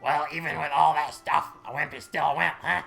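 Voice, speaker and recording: Casting: man playing bossy village boy bully, scornful and challenging, pitched up, bright and forceful, fantasy game dialogue. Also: little pitch movement, fairly quick, gravelly, soft background music, exaggerated voice. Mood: scornful, disbelieving.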